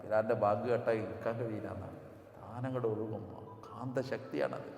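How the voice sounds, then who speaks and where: Preacher in an echoing mosque hall. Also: male voice, fairly even intonation, gravelly. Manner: moves between quiet low asides and slow melodic chanting. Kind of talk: Ramadan sermon. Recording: echoey hall with long reverb.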